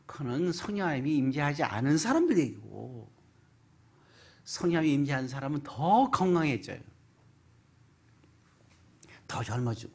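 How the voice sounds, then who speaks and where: Husky, animated preacher. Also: medium pitch. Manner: animated preaching with rhetorical questions, swinging between loud and hushed. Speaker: pastor. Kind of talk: sermon. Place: church sanctuary.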